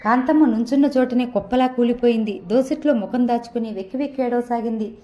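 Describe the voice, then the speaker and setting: A woman narrating a novel in a steady storytelling manner. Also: fairly high pitch, fast, a little hiss or hum. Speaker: audiobook narrator. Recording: dull, roomy echo.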